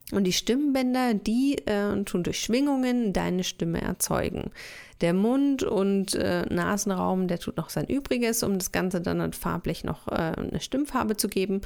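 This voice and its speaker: Gravelly-voiced woman hosting a podcast. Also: fairly low pitch, a little mellow. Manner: casual explanatory, conversational, with fillers. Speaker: podcast host. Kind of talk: solo podcast monologue. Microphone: studio microphone with headphones.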